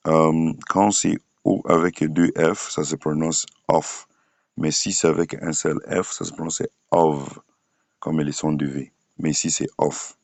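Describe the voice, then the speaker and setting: A man teaching English pronunciation to French speakers, slowly saying each word several times with many hesitation fillers. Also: a bass voice, fairly even intonation, gravelly, no echo. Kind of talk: screen-shared phonics lesson.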